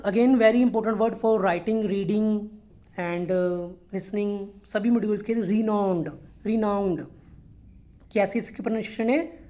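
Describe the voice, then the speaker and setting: A woman's voice: medium pitch, dark tone. A woman teaching English vocabulary for a test, explaining words in Hindi mixed with English, repeating each one for pronunciation and checking in with "okay?". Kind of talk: vocabulary lesson for test prep.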